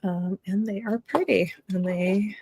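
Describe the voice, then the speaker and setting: Woman host, casual live-sale chat, slow and halting, close dry mic. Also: medium pitch, steady tone, darkish tone, husky, no room sound, rough recording. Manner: unhurried, halting, with many fillers and restarts.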